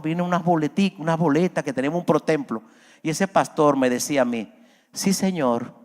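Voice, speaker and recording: Fiery preacher in a big reverberant church. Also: male voice. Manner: preaching, voice rises high and loud when acting out Peter's plea. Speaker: pastor. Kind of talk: sermon. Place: church hall. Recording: long reverb of a large church.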